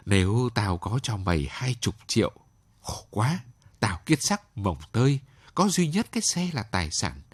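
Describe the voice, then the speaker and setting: A man's voice: lowish voice, big pitch swings, a little slow, slightly rough, dry recording, exaggerated voice. A man doing a humble poor old man. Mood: gentle. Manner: gentle, pleading.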